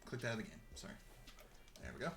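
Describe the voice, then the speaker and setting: A man's voice: lowish voice, big pitch swings, quick pace, creaky, music in the background. A young man giving rambling, chatty let's-play commentary while he plays, chuckling often. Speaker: gameplay commentator.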